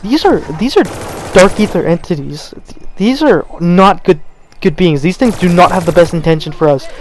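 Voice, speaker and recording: A man's voice: sits high, animated, normal speed, slight background noise. Stammering young man ranting about games. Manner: rambling, stammering, frequent restarts. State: cold, stuttering. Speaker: gaming channel host. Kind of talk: unscripted gameplay commentary rant.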